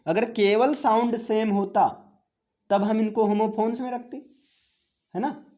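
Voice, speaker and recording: A man's voice: high-pitched, fairly even intonation, mellow. Male teacher quizzing his class. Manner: explains step by step, asking the class questions and answering them himself; mixes English terms into Hindi, reads English lines out slowly. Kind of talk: classroom-style grammar lesson.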